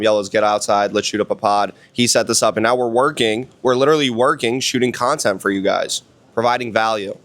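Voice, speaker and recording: A hungover man talking casually and motivationally on a podcast, blunt and slangy, swearing often and repeating phrases for emphasis. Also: medium pitch. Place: outdoors on a villa balcony.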